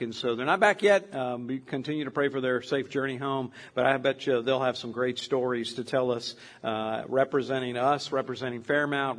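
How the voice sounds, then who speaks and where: An older man preaching as a pastor, telling stories in a rambling, conversational way. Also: medium pitch. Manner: rambling, with many fillers and restarts; storytelling, conversational. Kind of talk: sermon.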